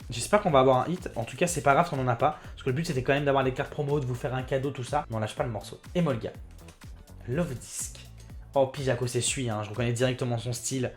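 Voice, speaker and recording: A man hosting his own card-opening video, chatting excitedly and talking straight to his viewers. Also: mid-range voice. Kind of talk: casual card unboxing commentary.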